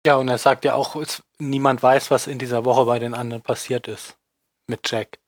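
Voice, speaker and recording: A man's voice: medium pitch, flat delivery, moderate pace, dry recording. A man co-hosting a podcast in casual, joking conversation. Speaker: podcast co-host.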